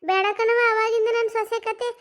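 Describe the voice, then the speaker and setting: A woman's voice: extremely high pitch, flat delivery, normal speed. A woman voicing a greedy, grumbling old mother-in-law in a cartoon comedy, whining and pleading for food. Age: older. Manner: whiny, complaining and pleading.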